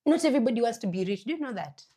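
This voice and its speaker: A woman's voice: on the high side, animated, very fast, dark tone, breathy edge. Earnest Kenyan woman, motivational podcast co-host. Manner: earnest, exhorting, repeats points and checks with "right?". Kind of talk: casual motivational podcast talk.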